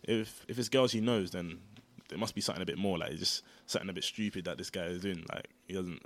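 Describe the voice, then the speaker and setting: A young man, reasoning aloud in a relaxed casual chat. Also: sits low, fast.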